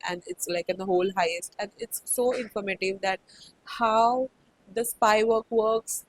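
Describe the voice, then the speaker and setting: A woman's voice: medium pitch, poor audio. Chatty Indian woman reviewing books. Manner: chatty, many "like" fillers, mixes in Hindi phrases. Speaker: book vlogger. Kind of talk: casual book review chat.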